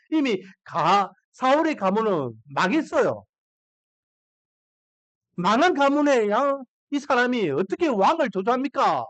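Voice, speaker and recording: A male pastor delivers a sermon with a lively, rising and falling voice. He asks his listeners questions and briefly acts out the voices of Bible figures. The sound is dry and close to the mic. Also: sits high, no room sound. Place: church sanctuary.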